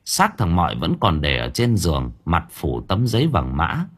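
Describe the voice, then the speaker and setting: Deep, husky male audiobook narrator. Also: wildly swooping pitch, normal speed. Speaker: story narrator. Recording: narration over faint background music.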